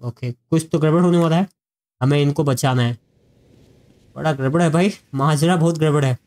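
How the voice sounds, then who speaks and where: A man's voice: fairly high pitch, normal speed, a little mellow. A man giving casual let's-play commentary, chatting to his viewers as friends. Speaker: gaming YouTuber.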